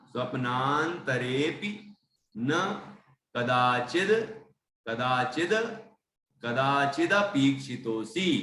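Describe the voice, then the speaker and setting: A man teaching scripture, chanting verses slowly and then explaining pronunciation and meaning, often checking in with listeners. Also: mid-range voice, pushed and bright. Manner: frequent "theek hai" checks with listeners. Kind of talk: recitation and line-by-line teaching. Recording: echoey room, voice from a distance, faint background noise.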